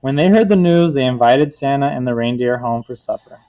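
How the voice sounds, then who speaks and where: Here a man with a mid-range, dark-toned voice moves fairly quickly as he reads a picture book aloud to children. Like a teacher, he explains words simply and checks comprehension by putting questions to the class.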